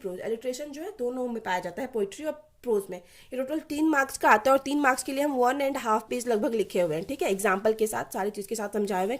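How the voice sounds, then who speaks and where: A woman tutoring literature students for an exam, reading English definitions slowly and then explaining each point again in simpler words. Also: a little high. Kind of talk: exam-prep lesson, mixing Hindi and English.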